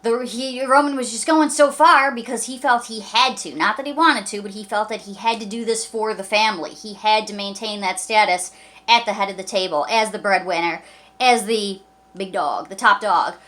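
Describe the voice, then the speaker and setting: A woman's voice: medium pitch, moderate pace, a bit bright. A woman recapping a wrestling show in a casual vlog, talking enthusiastically with many fillers and acting out quoted lines. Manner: acts out quoted lines in a mock voice.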